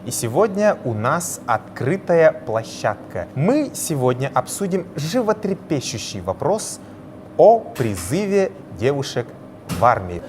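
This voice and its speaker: A man hosts a TV debate with very varied intonation and halting phrasing. The sound behind his mid-pitched voice is clearly noisy. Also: sing-song, a little mellow. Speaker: TV debate moderator. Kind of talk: presenting a TV studio discussion.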